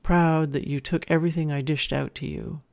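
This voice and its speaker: An intimate narrator of erotic audio with a mid-range voice and plenty of gravelly fry. The delivery is measured and addressed straight to the listener, in the role of a dominant partner. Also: mid-range voice, fairly even intonation, a little mellow.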